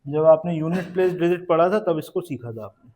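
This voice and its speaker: A man's voice: a little high, fairly quick, a little mellow. A man teaching math to a classroom of students, coaxing them along and quizzing them step by step to check they follow. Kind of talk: live classroom lesson.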